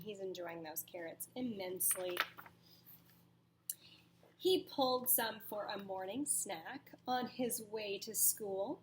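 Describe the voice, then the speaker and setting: In a mid-range voice with a bit of background noise, a woman teacher reads a children's story aloud with lots of expression. Dramatic pauses, emphatic delivery, and questions aimed at her young listeners run through the reading.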